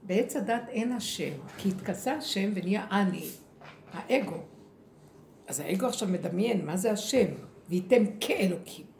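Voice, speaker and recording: Animated woman teaching with gravelly edge. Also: medium pitch. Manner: animated, acts out quoted speech. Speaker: women's group teacher. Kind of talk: spiritual lesson. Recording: echoey room with faint ambient noise.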